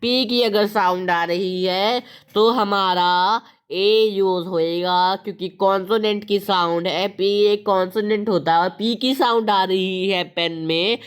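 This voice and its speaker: A woman teaching a grammar lesson online, patiently asking questions and answering them herself, and reading the example sentences very slowly. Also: medium pitch, clear, resonant tone. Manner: patient, asks and answers her own questions.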